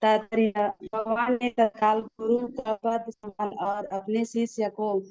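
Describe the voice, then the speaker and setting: A woman in an online class, slowly reading a passage aloud over call audio that keeps breaking up. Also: on the high side, flat delivery, a little mellow, smooth, dry recording. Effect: choppy online call audio that keeps cutting out. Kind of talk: slow halting reading aloud. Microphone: online call device. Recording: dull lo-fi call audio from off-mic.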